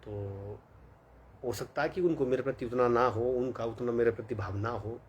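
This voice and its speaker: A young vlogger from Himachal Pradesh, India, speaks with a lilt at an ordinary middle pitch, normal speed, and fairly even intonation. In a casual storytelling monologue, he rambles through a personal story with plenty of fillers, quoting each character's lines. A faint hiss of background noise sits underneath.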